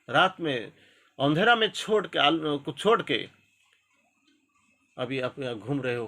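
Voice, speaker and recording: A man with an Odia-influenced accent gives a spiritual pep talk. His voice is bright and gravelly, and his pitch swings widely. He hammers points home through repetition. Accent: Odia-influenced Hindi. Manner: exhorting, repetitive, mixes English maxims into Hindi. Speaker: spiritual speaker.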